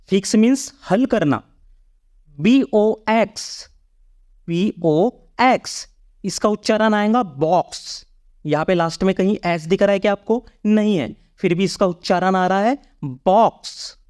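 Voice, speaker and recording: Slow, patient Hindi-speaking English tutor. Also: medium pitch, a little mellow. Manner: repeats each word, quizzing the viewer. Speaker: English teacher. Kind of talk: slow spelling lesson explained in Hindi.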